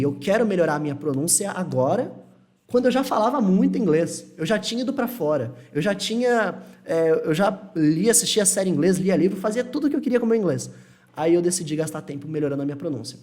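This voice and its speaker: A man's voice: high voice, expressive, a little fast, darkish tone. A man from Brazil teaching English on a live stream, reading chat questions and answering them in a reassuring, repetitive way.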